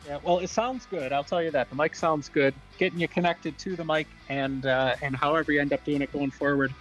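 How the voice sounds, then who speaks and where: Higher-voiced male play-by-play host. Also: fairly even intonation, a little fast, a bit bright, soft background music, poor audio. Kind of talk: casual live sports commentary.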